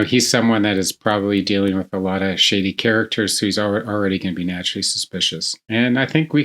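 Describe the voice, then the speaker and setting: A man's voice: fairly low pitch, a bit bright. A man giving a writing tutorial, reading example scenes aloud and explaining how to improve them. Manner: reads example passages aloud, then explains. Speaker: writing instructor.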